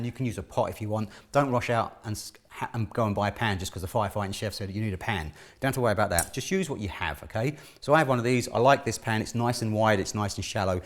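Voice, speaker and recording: A middle-aged man giving a casual cooking demonstration, chatty and instructional, often checking in with the listener. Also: on the low side. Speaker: chef presenting a cooking lesson. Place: indoor kitchen studio.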